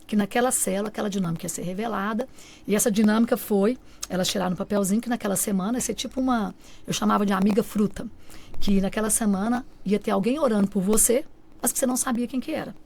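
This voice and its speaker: A woman with a mid-range, creaky voice races through an emotional personal testimony, with slight background noise present. She's a guest in a radio studio, and her animated telling often acts out the words of her family and friends.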